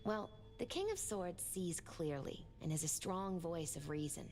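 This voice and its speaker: A woman playing a mystical, thoughtful tarot reader in a video game, speaking in a measured, musing way. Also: lowish voice, expressive, darkish tone. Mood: calm, musing. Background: faint music.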